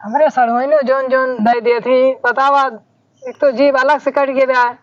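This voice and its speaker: A man with an Awadhi accent, talking in a plaintive, complaining way as a patient in a village comedy sketch. His voice is very high for a man. The sound is dry and muffled, like a low-fi recording. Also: flat delivery, measured pace, a bit bright, no room sound. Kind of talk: rustic Awadhi comedy skit.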